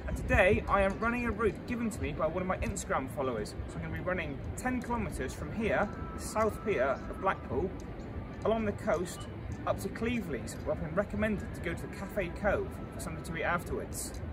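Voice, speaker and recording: A man in his thirties runs along a seaside promenade, narrating his vlog like a tour guide into an action camera that's held or mounted. His voice sits high and he talks animatedly and fairly quickly over loud background music.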